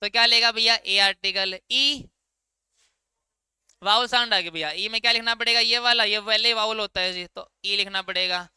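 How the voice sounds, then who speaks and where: A man's voice: high voice, fairly even intonation, normal speed, sharp tone, clear, resonant tone, no room sound. A male teacher gives an informal classroom grammar lesson, quizzing his students and answering his own questions. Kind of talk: classroom lecture.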